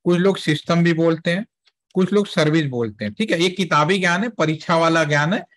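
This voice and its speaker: A man's voice: fairly high pitch, fairly quick, fairly bright tone. A man teaching a networking class, walking students through a demo step by step and mixing in English terms. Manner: conversational, explaining step by step with Hindi-English mixing; asks students checking questions. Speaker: networking trainer. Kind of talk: classroom lecture with software demo.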